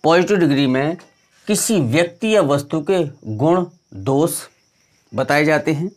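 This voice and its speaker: A middle-aged man giving an explanatory grammar lesson, his voice sitting a little higher than most men's. He poses a question to the viewer, then supplies the answer himself, over and over. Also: expressive, measured pace. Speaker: English grammar teacher.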